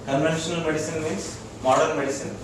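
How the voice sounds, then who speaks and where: Fairly high-pitched and steady, this Indian-accented man talks fast as he gives an informal integrative medicine lecture to a small audience. He explains in short, repeated phrases and keeps checking that everyone is following. The audio is noisy and echoey, picked up by a distant microphone.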